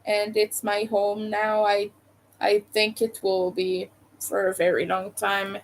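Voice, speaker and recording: A young adult woman from Quebec, Canada, with a Montreal accent, chats loosely with viewers on her live stream, rambling and hesitating with lots of fillers. Her mid-range voice stays level and slow, and there is slight background noise.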